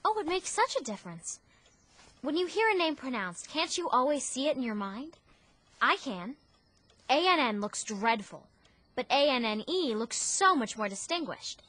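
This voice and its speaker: A woman's voice: sits high, sing-song, normal speed, a bit bright, heavily acted. A woman playing Anne Shirley, an effusive orphan girl. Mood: pleading, earnest. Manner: breathless, effusive, theatrical. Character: talkative imaginative orphan girl, dramatic, romantic. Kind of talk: audio drama acting.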